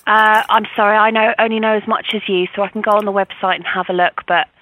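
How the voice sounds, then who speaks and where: Young woman in phone sales, quick talker, polite n apologetic, bit of noise on the line. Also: medium pitch, fairly even intonation, sharp tone. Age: young adult. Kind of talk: customer service phone call. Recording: noisy phone call line.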